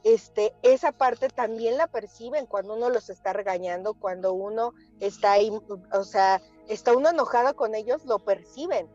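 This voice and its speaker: A woman, a therapist guest chatting on a talk show and telling lively anecdotes that she acts out. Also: fairly high pitch, normal speed, muffled recording, soft background music. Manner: animated storyteller, acts out quotes. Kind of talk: casual talk show chat.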